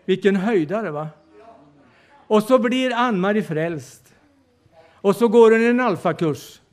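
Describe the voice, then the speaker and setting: A man's voice: sits high, expressive. An older man preaching a storytelling sermon, retelling conversations and often turning to the audience.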